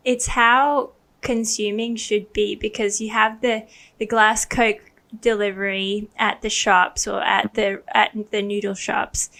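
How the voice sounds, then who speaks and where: A woman's voice: mid-range voice, gravelly, fairly bright tone. A woman from Thailand hosts a casual podcast interview with a mid-range voice. She talks eagerly, leaning on "like" as she builds her questions. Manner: enthusiastic, many "like" fillers. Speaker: podcast host.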